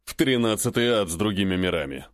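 A man's voice: fairly low pitch, animated, fast, no room sound, studio quality, pitched below the performer's own voice, lightly acted. A man voicing a fierce, loyal male warrior who growls out his words. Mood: vengeful.

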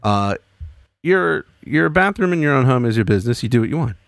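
A man's voice: medium pitch, expressive, fairly quick, creaky, dry recording, clean studio sound. A man co-hosting a podcast in casual chat, joking around and giving mock-serious rants. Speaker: podcast co-host.

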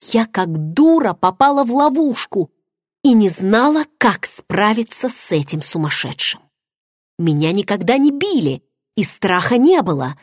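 A woman narrating a first-person audiobook in an expressive, dramatic way, recorded close to the mic. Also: medium pitch, dry recording.

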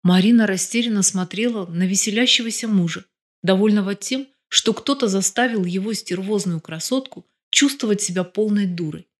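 A woman narrating an audiobook. Her reading is even and steady, with a voice of middling pitch. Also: normal speed.

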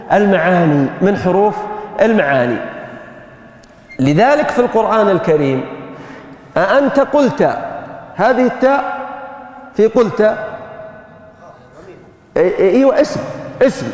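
A man's voice: sits high, lively intonation, moderate pace, pauses often, darkish tone, roomy sound, big-room sound. A man teaching grammar in a classroom lecture, questioning his students as he explains.

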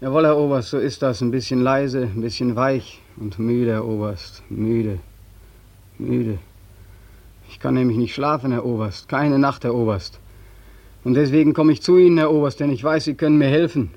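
An actor playing an exhausted young soldier back from the war in a 1940s radio drama, speaking with weary, bitter irony. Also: male voice, mid-range voice, moderate pace, darkish tone, highs cut off, close to an everyday voice. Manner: bitterly ironic, weary, repetitive address.

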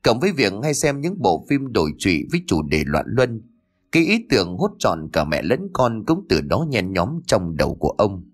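A man narrating a dramatic audiobook in an expressive storytelling manner. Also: lowish voice, normal speed. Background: faint background music.

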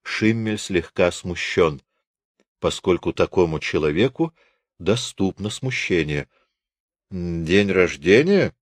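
Brief: a low-voiced male audiobook narrator, dry studio sound. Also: animated, unhurried, dry recording. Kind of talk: scripted narration.

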